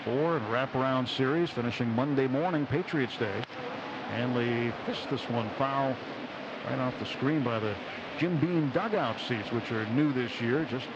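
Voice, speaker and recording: On the radio, a man delivers live baseball play-by-play from an outdoor ballpark booth, measured and descriptive, pausing between short phrases in a mid-range voice. There is background noise, and the dull broadcast carries loud stadium ambience.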